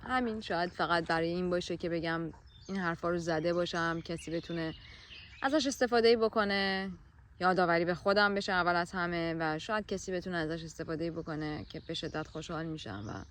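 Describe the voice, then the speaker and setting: A woman talking to camera outdoors in a forest about a personal experience, in a gentle, soothing way with many hesitant pauses and filler sounds. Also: fairly low pitch, slight background noise. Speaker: vlogger sharing a personal experience. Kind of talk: reflective personal talk to camera.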